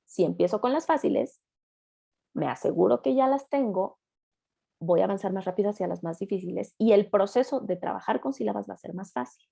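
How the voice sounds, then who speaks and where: A woman's voice: medium pitch, fairly quick, gravelly, warm tone, breathy edge. A middle-aged woman, a speech therapist giving an online master class, explaining step by step and acting out imagined questions from her listeners.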